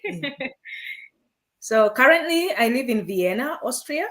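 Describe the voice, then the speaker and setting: A woman's voice: high-pitched, expressive, a little slow, a bit bright. A woman from Uganda, a guest in an interview, telling her story in a friendly way and laughing between phrases. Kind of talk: interview answers.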